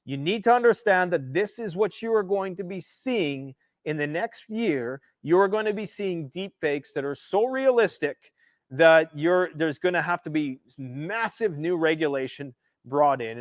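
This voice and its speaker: A man's voice: on the high side, dry recording. A Canadian man hosting a political livestream, ranting emphatically and sarcastically about world events. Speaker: livestream host.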